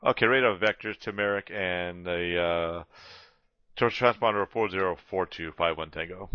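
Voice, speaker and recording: Low-voiced male pilot over the radio. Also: normal speed, clean tone, no echo. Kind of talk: pilot over the radio, reading back clearances. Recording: dull, dry lo-fi radio transmission.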